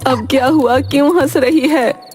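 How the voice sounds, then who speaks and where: A woman voicing a sharp-tongued, mocking middle-aged mother-in-law in a cartoon story, full of taunts. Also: sits high, steady tone, measured pace. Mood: scolding. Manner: taunting, sarcastic jibes. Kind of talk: cartoon voice acting. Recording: voice over background music.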